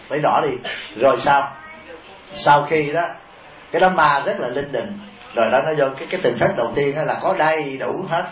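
A man's voice: a little high, a bit bright, a little hiss or hum. A man, a Buddhist monk giving a humorous sermon, often chuckling and asking his listeners rhetorical questions. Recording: echoey, dull taped sermon recording.

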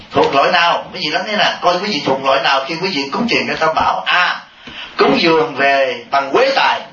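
A man giving a Buddhist Dharma talk to a congregation, lively and teasing, often asking the listeners questions. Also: fairly high pitch. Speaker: Buddhist monk. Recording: dull, echoey hall audio from a distance with noise.

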